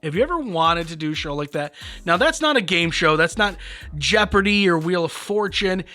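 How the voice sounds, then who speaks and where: A man's voice: high-pitched, expressive, moderate pace, pushed and bright, faint music behind. Joking, self-deprecating male podcast host. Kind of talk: casual chat. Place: podcast studio.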